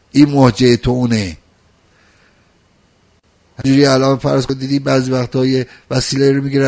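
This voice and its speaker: Male preacher, gravelly voice, emotional sermon delivery with big swings in loudness. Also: medium pitch. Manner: emotional, swings from loud pleading to soft intimate talk. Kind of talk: religious sermon.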